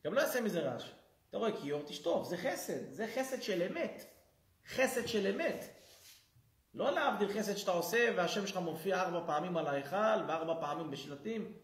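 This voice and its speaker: A man, a rabbi, giving a humorous lesson in a synagogue and acting out the people in his stories. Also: sits high. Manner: lively storyteller who acts out quoted people. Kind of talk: humorous sermon. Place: synagogue hall. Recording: roomy synagogue echo.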